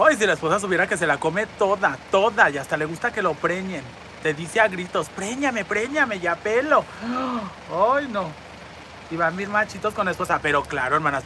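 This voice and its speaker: Amid background noise on a city street, a woman with a lowish voice and a Mexican Spanish accent hosts a live stream on her phone. She reads viewer comments aloud and responds with crude, brassy, campy profanity.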